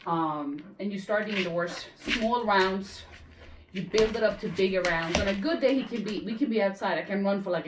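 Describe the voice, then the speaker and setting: A woman dog trainer talking casually through a training session, explaining while breaking off to praise and cue the dog. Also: mid-range voice. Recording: roomy, distant mic, faint noise.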